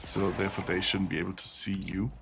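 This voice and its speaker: A young man streaming a game, rambling casually with lots of pauses and fillers. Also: sits low, flat delivery, creaky, noisy background. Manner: rambling, soft-spoken, with many pauses and fillers. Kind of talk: casual streaming chat while gaming.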